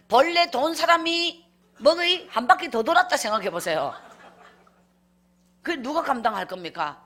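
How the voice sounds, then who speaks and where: A woman's voice: on the high side, fairly bright tone. A woman evangelist tells her life story in a revival sermon, emphatic and acting out scenes as she goes. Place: church.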